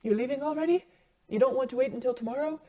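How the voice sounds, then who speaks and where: A woman voicing a gentle young man who speaks quietly and hesitantly in an amateur audio drama. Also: high voice, quick pace. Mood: soft, hesitant. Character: soft-spoken gentle young man survivor.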